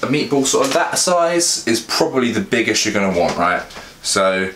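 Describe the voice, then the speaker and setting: Speaking at normal speed with a sing-song, slightly bright, medium-pitched voice, a young British man casually explains cooking to camera as a fitness vlogger and meal prep host. He's plain-spoken and informal, and his small indoor home kitchen gives an echoey sound with clear background noise.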